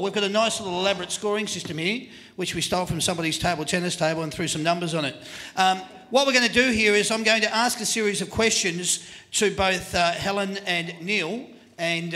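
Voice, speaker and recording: An Australian man hosting a live quiz at a venue, energetic and joking as he hurries contestants along. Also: high-pitched. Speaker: quiz host on a live footy panel show.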